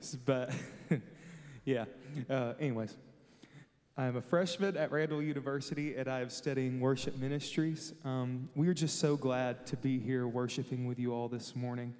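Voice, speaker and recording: A nineteen-year-old man introducing a worship song to a church, relaxed and friendly. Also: mid-range voice, moderate pace, in a large hall. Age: young adult. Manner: relaxed, friendly, self-deprecating. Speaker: student worship leader. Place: church sanctuary.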